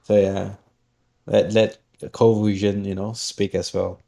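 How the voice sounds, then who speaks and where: A man's voice: on the low side, level tone, a little slow, gravelly, warm tone. Laughing, hesitant man from Singapore. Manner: hesitant, repeats words, laughs often. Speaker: project guest. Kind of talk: casual chat.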